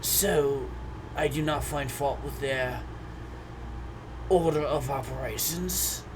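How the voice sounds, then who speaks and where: A man's voice: medium pitch, fairly even intonation, takes it slowly, lightly acted. A man voicing a sheltered, formal male adventurer who talks politely and hesitantly in a tabletop role-play, over a noisy hum. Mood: prim.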